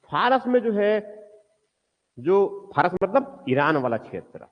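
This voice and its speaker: Lively-pitched man teaching history. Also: slow pace, in a large hall, highs cut off. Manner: asks the class questions and answers them himself; repeats key words, drawn out for stress. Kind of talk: classroom history lecture.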